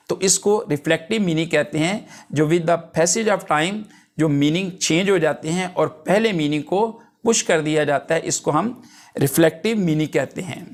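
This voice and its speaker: A male English teacher giving a lecture, reading definitions out slowly and then explaining them in plain terms. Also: fairly high pitch.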